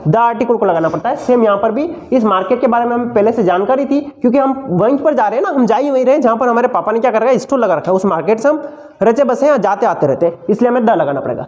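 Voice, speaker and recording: A man's voice: very high voice, a little mellow. A male teacher giving an exam-prep grammar lesson, who keeps asking his students questions, answers them himself, and fondly calls them "son".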